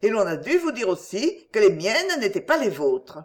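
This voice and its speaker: A woman's voice: mid-range voice, big pitch swings, normal speed, close to an everyday voice. A woman voicing a proud young woman who answers tersely and frankly. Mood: cool.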